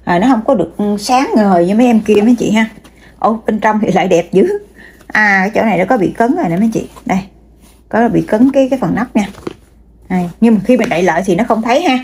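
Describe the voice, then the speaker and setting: A woman's voice: mid-range voice, quick pace, a little mellow, slight background noise. A woman, showing bags one by one and chatting straight to her viewers, with many fillers. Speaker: online seller. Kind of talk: casual product showcase.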